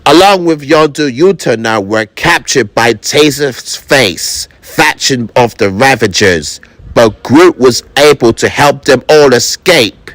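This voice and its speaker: A man narrating a fan video casually, reading haltingly and stumbling over words. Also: medium pitch, lively intonation, fairly bright tone, dry recording.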